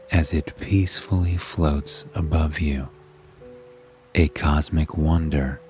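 An extremely deep-voiced man works as a sleep story narrator, guiding listeners with a calm, hushed delivery. He speaks at a very slow, lingering pace, soothing throughout. Music plays behind his voice.

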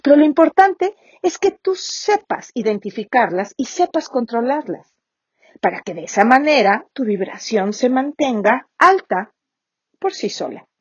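A woman gives a motivational talk and speaks straight to her listener. Her voice is higher than average and a little husky. The recording sounds dry and slightly dull. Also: very animated, measured pace, no echo.

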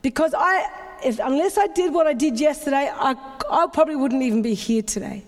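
A woman's voice: high voice, a little fast. A middle-aged woman pastor, preaching an emotional, confessional sermon full of repeated phrases. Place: church sanctuary. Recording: long reverb of a large hall.

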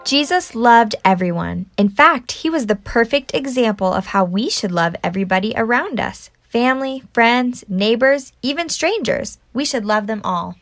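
Female kids' podcast host, animated and simple in delivery, dry makeshift home recording. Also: on the high side, moderate pace, hardly any pauses, no room sound. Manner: animated, simple child-directed explaining with questions. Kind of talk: scripted children's storytelling podcast. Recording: makeshift home recording without usual mic.

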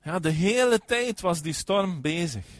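A man preaches in a fairly high voice, pushing some phrases out loudly and dropping others to a hush. He punctuates his points with a steady "ja". The sound is close and dry. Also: unhurried, no room sound. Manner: emphatic, frequent affirming "ja", swings between loud and soft. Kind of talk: sermon.

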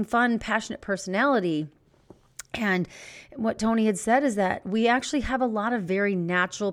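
A middle-aged woman hosting a podcast, telling a personal story in an emotional, halting way as she searches for words. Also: medium pitch. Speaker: podcast host. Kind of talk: personal reflective monologue.

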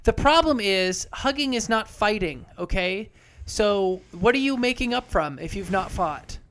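A man's voice: sits high, expressive, measured pace, fairly bright tone. A man co-hosting a casual podcast, talking animatedly and swearing with exasperation. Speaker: podcast co-host.

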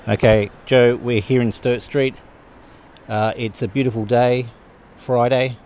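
A man's voice: medium pitch, fairly even intonation, unhurried, darkish tone, slight background noise. A male interviewer outdoors, asking brief, friendly questions to keep his guest talking. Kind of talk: casual interview. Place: outdoors on a street corner.

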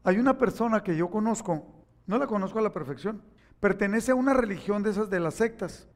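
A man's voice: high voice, lively intonation, a little fast. A middle-aged man, preaching a sermon as a pastor, telling stories and acting out the voices in them before rising to emphatic appeals. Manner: storytelling preacher, acts out quoted voices, rising to emphatic exhortation.

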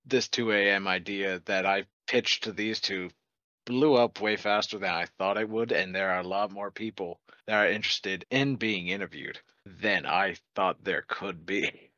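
Joking guy co-hosting a casual chat, bright voice, kinda dull lo-fi mic. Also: sits low, steady tone, normal speed, no echo. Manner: playful, joking. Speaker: channel co-host.

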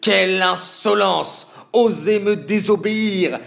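A man's voice: extremely high pitch, animated, takes it slowly, soft background music, pitched above the performer's own voice, heavily acted. A man voicing a proud, furious villainous prime minister in a children's story. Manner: shouting, sneering, gloating.

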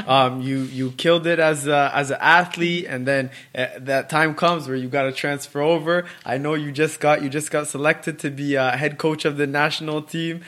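Man hosting, halting questions. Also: fairly high pitch, fairly bright tone. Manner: halting, filler-heavy questions. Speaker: podcast host. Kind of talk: podcast interview.

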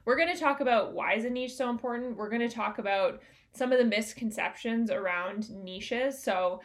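A woman's voice: on the high side, moderate pace. Upbeat woman hosting a coaching podcast. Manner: upbeat, conversational, uses many fillers. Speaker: podcast host and business coach for dietitians. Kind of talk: solo podcast monologue.

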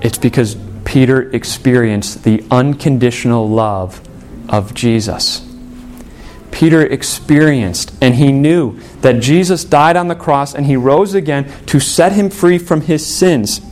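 A man's voice: measured pace, a little hiss or hum. Earnest male pastor preaching a sermon. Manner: earnest, drops to a soft low voice for quoted words.

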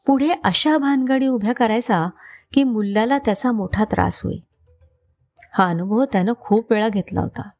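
A woman narrating a folk tale in an expressive storytelling manner. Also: medium pitch.

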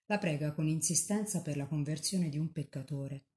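A nun reading a devotional text aloud in a measured, calm way. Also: female voice, low voice.

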